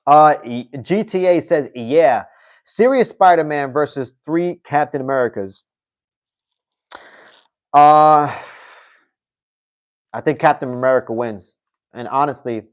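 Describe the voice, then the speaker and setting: With a mid-range voice, a man hosting a relaxed livestream reads out what viewers comment and answers in a loose, talkative style, regularly adding "you know what I mean."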